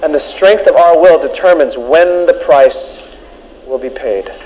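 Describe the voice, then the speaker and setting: A male preacher delivers a sermon, driving his points home by repeating them. His voice sits fairly high, and the recording is dull and lo-fi. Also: measured pace, a little mellow, a little hiss or hum. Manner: emphatic, repeats key lines.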